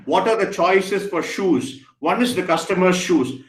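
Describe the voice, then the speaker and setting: Energetic high-voiced man lecturing. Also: unhurried. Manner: energetic, questioning and praising students. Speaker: guest speaker. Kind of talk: interactive online lecture. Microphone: video call. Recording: echoey room, faint noise.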